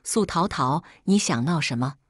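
A woman's voice: low-pitched, lively intonation, moderate pace, slightly rough, no room sound, clean studio sound. A woman reading the lines of a hurt, demanding young boyfriend in an audio story, accusing and pleading.

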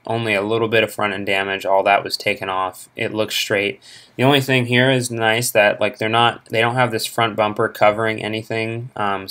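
A young man with a fairly low voice chats loosely through his screen recording, wandering between thoughts and dropping plenty of ums. He is recorded at home on a laptop's built-in mic. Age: young adult. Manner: relaxed, rambling, lots of fillers. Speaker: car vlogger. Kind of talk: casual screen-recorded commentary. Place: home room, indoors. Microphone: laptop internal mic.

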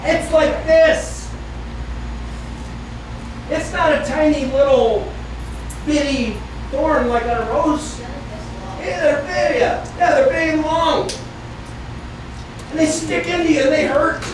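Slow-talking man teaching kids in echoey room. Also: extremely high pitch. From northeastern United States. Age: middle-aged. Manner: storytelling, asks the children questions, gestures and moves around. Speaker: children's Sunday school teacher. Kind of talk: Bible lesson for kids. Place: church classroom, indoors. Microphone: far camera. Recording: echoey room from far off with noisy background.

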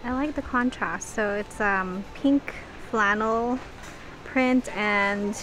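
Taking it slowly in a mid-range voice, a woman films a casual shop-with-me vlog, chatting and musing aloud as she browses. She's out in noisy public stores and a busy mall, with shop and mall noise all around.

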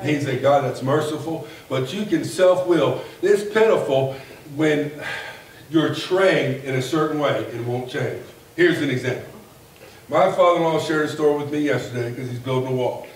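A man in his forties preaching a sermon from a pulpit in a folksy, animated way that builds to a shout. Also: mid-range voice, moderate pace. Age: 40s. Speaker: pastor. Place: church sanctuary, at a pulpit. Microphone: far camera at the back of the room. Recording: echoey church from far off, faint hiss.

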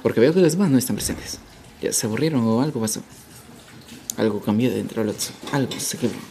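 A man's voice: medium pitch, quick pace, a little hiss or hum. A man streaming a football game live, calling plays like a sports caster and repeating phrases in chant-like bursts. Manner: playful hype shouts.

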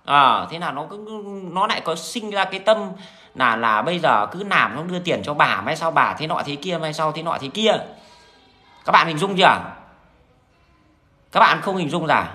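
A man's voice: fairly high pitch, lively intonation, moderate pace, pushed and bright. Blunt man with a Northern Vietnamese accent. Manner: blunt, crude and frank, with many restarts. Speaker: vlogger addressing viewers. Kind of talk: casual rambling monologue.

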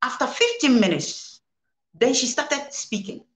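A woman reverend with a Ghanaian accent, a guest on an indoor studio set, speaks at a measured pace in a high, fairly bright voice that swoops wildly in pitch, the room echoey. Answering interview questions, she preaches, mixing English and Twi and repeating phrases for emphasis.

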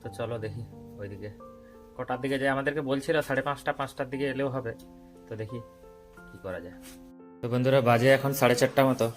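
A man's voice: mid-range voice, brisk, long pauses, soft background music. A man, narrating his household chores in a chatty home vlog. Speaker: family vlogger. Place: home and rooftop.

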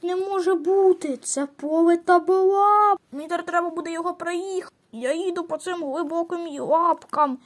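A woman's voice: very high-pitched, a little fast, hardly any pauses. A woman voicing a cheerful little male hero who hauls grain, telling a playful children's toy story with sing-song sound effects. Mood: excited.

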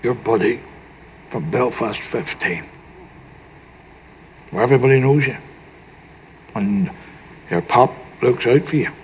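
A man playing a gentle Northern Irish grandfather. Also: mid-range voice, a little slow, pauses often, slight background noise, close to an everyday voice, low-quality recording. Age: older. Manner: soft-spoken, wry, tender. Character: gentle wise teasing old grandfather. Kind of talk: film drama acting.

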